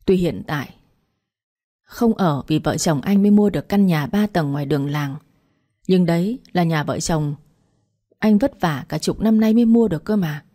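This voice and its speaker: A woman's voice: fairly low pitch, moderate pace, dark tone, close to an everyday voice. A woman voicing an aggrieved wailing wife. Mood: indignant. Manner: wailing, indignant. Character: aggrieved middle-aged village wife.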